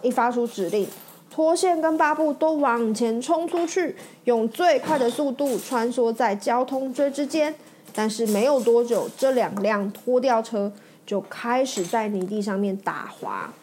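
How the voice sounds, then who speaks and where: A woman's voice: a little high, measured pace, a little hiss or hum. Woman reading a children's story aloud. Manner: expressive, animated reading.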